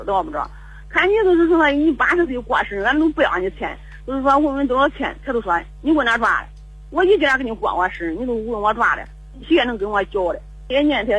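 A woman's voice: on the high side, very animated, quick pace, a bit bright, slightly rough, low-quality recording. An older woman calling in to a radio show, telling a long story in a rambling, repetitive way with stammering restarts. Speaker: caller. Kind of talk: call-in radio chat. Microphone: phone call.

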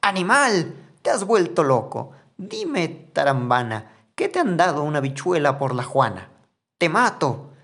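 A man voicing a shrill, furious mother who scolds her son in a rhymed storybook. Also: big pitch swings, measured pace, fairly bright tone, heavily acted. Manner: shrieking, scolding.

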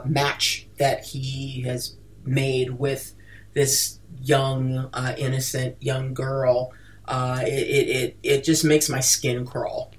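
A podcast host in casual book-club chat, hesitant, with many "uh"s and repeated words. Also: mid-range voice.

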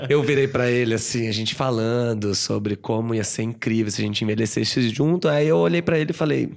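A man telling a personal story in a casual podcast chat, animated and chatty, tossing in tag questions. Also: medium pitch, fairly quick, gravelly. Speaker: guest storyteller.

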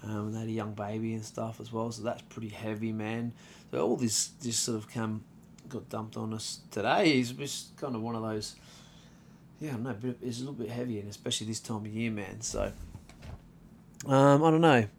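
A man in his thirties with an Australian accent, hosting a casual solo podcast, laid-back and rambling, swearing freely and filling pauses with ums. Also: lowish voice, fairly even intonation, a little hiss or hum. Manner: laid-back, profane, rambling with many fillers. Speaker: podcast host.

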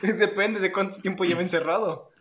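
Jokey podcast co-host. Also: male voice, high voice, fairly even intonation, a little fast, a bit bright. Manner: jokey, acts out quotes, crude banter. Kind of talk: casual chat.

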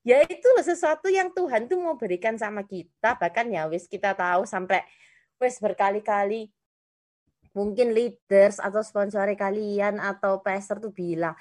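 A woman's voice: mid-range voice, moderate pace, a little mellow. A young woman gives a casual, rambling devotional talk, full of fillers and acted-out quotes. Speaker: youth devotional speaker.

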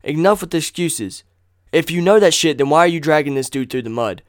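Brief: male vlogger, angry swearing rant, smooth clear tone, dry close sound, mid pitch. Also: lively intonation, a little fast, dry recording. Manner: heated, blunt, swears constantly; repeats phrases for emphasis. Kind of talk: profane casual rant.

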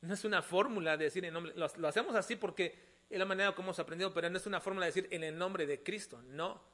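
A man preaching a sermon, calling his listeners brothers and moving between quiet explanation and emphatic appeals. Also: high-pitched, rapid-fire. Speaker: pastor.

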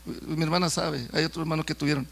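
A man's voice: a little high, steady tone, fast, vocal fry, a bit bright. A middle-aged man preaching a sermon, talking to the congregation in a conversational way with stories and jokes.

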